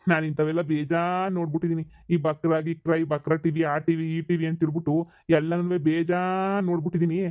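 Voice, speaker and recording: A man's voice: a little high, little pitch movement, normal speed, a little mellow, clean tone, dry recording, natural voice. A man playing a bewildered, scolding village father who has forgotten his family, in a comedy skit. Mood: puzzled, scolding. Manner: scolding, incredulous, rambling.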